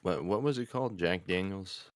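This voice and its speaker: A very deep-voiced man from Oklahoma talks shop as a voice actor in loose, casual chat. He rambles and restarts, laughing as he goes, and the padded booth he records in leaves his voice dry and close with no room sound. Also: moderate pace, dry recording. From Oklahoma, USA. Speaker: voice actor and show host.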